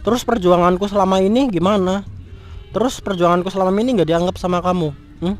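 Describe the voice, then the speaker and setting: A man's voice: sits high, fast, close to an everyday voice. A man playing a furious young man who scolds and curses his cheating fiancée in a scripted street drama. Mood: angry. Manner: angry scolding, cursing. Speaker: jilted fiancé.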